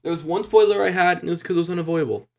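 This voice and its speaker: A man in his twenties co-hosting a podcast in casual chat, telling his stories quickly and with energy. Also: high-pitched. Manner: quick, animated storytelling. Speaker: podcast co-host.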